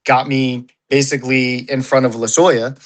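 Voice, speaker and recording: Guy being interviewed, rambly, says "you know" every other word, swears a bit, regular pitch. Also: little pitch movement, moderate pace, low-quality recording. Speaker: paintball player, interview guest. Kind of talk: casual interview.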